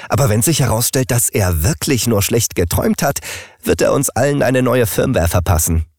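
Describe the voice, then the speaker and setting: A man reads an audiobook, voicing an anxious smart fridge who is an earnest, worried leader, pitched above his own natural voice. His medium-pitched delivery is expressive, slightly mellow and at normal speed, in a dry, clean studio recording.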